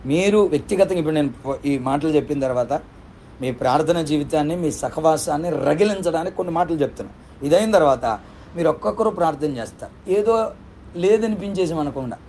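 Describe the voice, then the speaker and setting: A man's voice: on the high side, animated, brisk, a little mellow, a little hiss or hum. A male pastor preaching a sermon with fervent, repetitive rhetorical questions.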